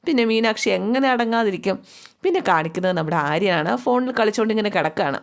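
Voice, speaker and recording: A woman's voice: medium pitch, animated, quick pace. A woman casually retelling a story in a chatty, conversational way, now and then correcting herself as she goes.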